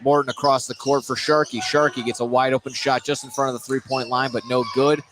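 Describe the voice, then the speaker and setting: A basketball announcer gives live play-by-play in an indoor gym, his mid-range voice fairly quick with little pitch movement. Loud game noise from the gym sits behind him.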